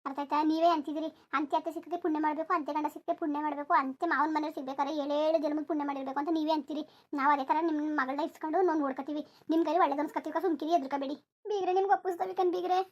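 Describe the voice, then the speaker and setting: A woman's voice: sits high, fairly even intonation, racing, natural voice. A woman voicing a tender, reassuring village mother in a cartoon, coaxing. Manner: soothing, coaxing, repeats endearments. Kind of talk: cartoon voice acting.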